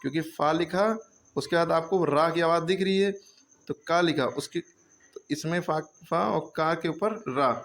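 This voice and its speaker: A man's voice: on the high side, moderate pace, fairly bright tone. A man teaching a handwriting lesson, explaining patiently step by step and often checking that the students follow.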